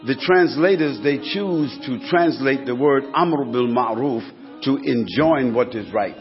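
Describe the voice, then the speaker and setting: A man preaching a sermon to a congregation, building his points through emphatic repetition. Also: fairly high pitch. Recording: dull lo-fi recording with faint music.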